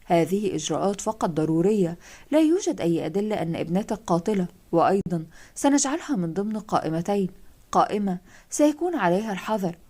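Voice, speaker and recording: A woman reading as a cold police detective. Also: fairly low pitch. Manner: flat, matter-of-fact delivery.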